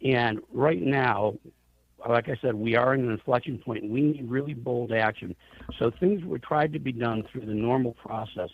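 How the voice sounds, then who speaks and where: A man with a medium-pitched voice and vocal fry speaks at normal speed on a dry recording over a tinny, narrow phone line. He's the chief executive of an airline trade association, a guest in a radio interview giving advocacy answers and pressing his case emphatically with pointed rhetorical questions.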